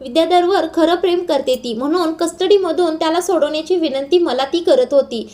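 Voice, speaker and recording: A woman's voice: very high voice, fairly quick, warm tone. A woman voicing a short-tempered young male factory owner who talks in a curt, commanding way. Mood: stern.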